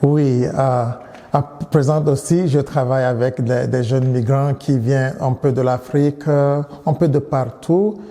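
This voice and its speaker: A man in his thirties from Nigeria, a priest giving interview answers in a measured way, often restarting and repeating words. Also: mid-range voice, steady tone, mellow, big-room sound.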